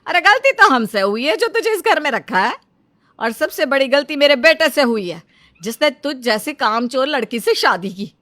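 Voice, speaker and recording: A bossy mother-in-law who scolds and taunts , played by a woman in a cartoon story. The voice is bright and a touch high, with a biting edge on every jab. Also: sing-song, normal speed, heavily acted. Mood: scolding.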